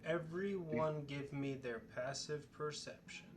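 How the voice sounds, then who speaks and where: A man narrating as dungeon master, halting and unhurried with fillers. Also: on the high side, music in the background. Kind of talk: narrating a tabletop game.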